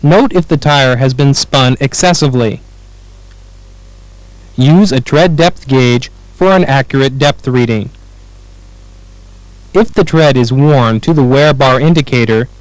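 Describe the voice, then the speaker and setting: For a training film, a man with an American accent reads scripted instructions in a clear, measured manner. He speaks at medium pitch, with no room sound and poor audio.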